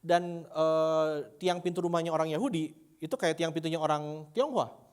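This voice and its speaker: A man's voice: on the high side, normal speed, darkish tone, clean tone. A man preaching a casual, humorous sermon to a congregation, often asking them questions. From Indonesia.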